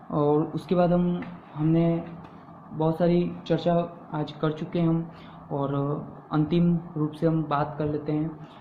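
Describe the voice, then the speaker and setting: Slow, echoey male teacher on a thin line. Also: on the high side, a little hiss or hum. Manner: asks the class questions and answers them himself; repeats key terms for emphasis. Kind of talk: classroom-style grammar lesson. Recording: echoey room over a tinny phone-like line.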